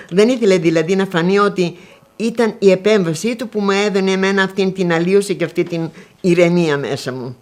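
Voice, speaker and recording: An elderly grandmother from northwestern Greece, recounting memories in an interview and acting out remembered conversations as she tells them. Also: on the low side. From Konitsa area, northwestern Greece. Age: older. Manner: lively storytelling, acting out remembered dialogues.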